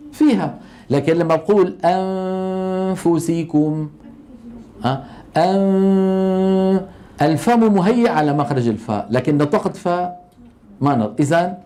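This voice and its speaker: A middle-aged man gives a tajweed lesson in a fairly high, mellow voice. He quizzes his listeners and answers his own questions. He stretches the sounds out slowly when he demonstrates them. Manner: asks the class questions and answers them himself. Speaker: Quran recitation teacher.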